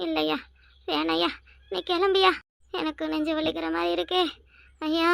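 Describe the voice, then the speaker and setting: Cartoon: woman voicing an elderly mother, Kanyakumari Tamil accent, very high and gravelly, wailing. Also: little pitch movement, moderate pace, no echo, studio quality, full character voice. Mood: tearful. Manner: loud wailing lament. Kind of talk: cartoon voice acting.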